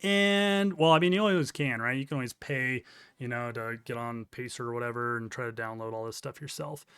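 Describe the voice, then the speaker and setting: Man, casual commentary, reading documents aloud, sarcastic asides, smooth clear voice, dry close sound. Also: mid-range voice, brisk, fairly bright tone, dry recording. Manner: sarcastic, incredulous, reads quotes aloud with asides. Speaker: crypto news commentator.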